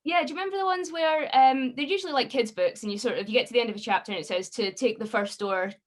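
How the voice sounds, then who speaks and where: A woman's voice: a little high, fast talker. A woman in her thirties with a Fife Scottish accent, chatting casually as an interview guest on a video call. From Scotland. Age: 30s. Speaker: guest author.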